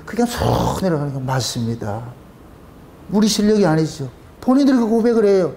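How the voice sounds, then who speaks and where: A middle-aged man preaching a sermon, his voice sitting high and leaping widely in pitch. He talks to his congregation in a loose, chatty style, throwing out rhetorical questions and laughing now and then. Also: lively intonation, moderate pace, vocal fry, mellow. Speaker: pastor.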